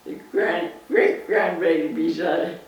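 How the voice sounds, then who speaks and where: A woman in her nineties with a Canadian accent, reminiscing in an interview in a halting way, pausing mid-sentence. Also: fairly low pitch. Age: 90s. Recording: echoey, distant mic, faint noise.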